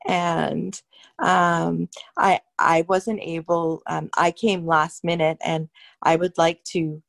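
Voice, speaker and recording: A woman with a very low, gravelly voice speaks very slowly and haltingly to thank the group. The recording is dry and close. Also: level tone, dry recording. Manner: slow, grateful, halting with "um". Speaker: workshop participant.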